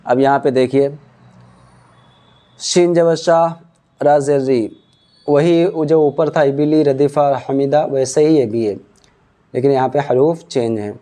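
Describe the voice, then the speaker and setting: A man with a mellow, medium-pitched voice leads a slow Quran reading drill, patiently spelling out letters and vowel marks one syllable at a time.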